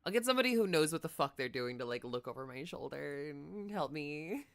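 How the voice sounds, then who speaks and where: A woman's voice: low voice, lively intonation, fairly quick. A woman hosting a casual game livestream, chatting effusively and often repeating her words and phrases.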